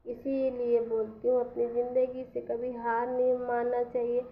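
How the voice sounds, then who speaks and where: Woman vlogger, slightly high, slow and earnest, repeats lines for emphasis; dull lo-fi recording. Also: monotone. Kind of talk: casual encouraging vlog talk to viewers.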